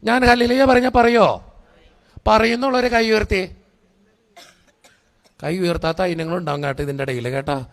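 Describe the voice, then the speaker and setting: A man's voice: sits high, steady tone, normal speed, long pauses. A man, a priest preaching at a convention, teasing the crowd and leading them in call-and-response. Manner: teasing, joking with the crowd, repeating commands. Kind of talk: lively sermon with congregation call-and-response.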